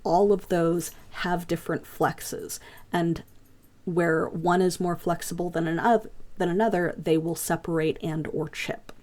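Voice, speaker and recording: A woman teaching a hobby craft class over voice chat, talking fast with frequent ums and uhs. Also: lowish voice, steady tone, darkish tone. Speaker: instructor. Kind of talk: online class lecture. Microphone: home computer mic on a voice chat.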